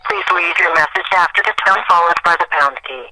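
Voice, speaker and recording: A man's voice: a little high, fairly quick. A man's recorded announcer voice giving a formal, clipped paging system prompt, heard over a landline phone played from a handset speaker. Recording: noisy, distant phone handset audio.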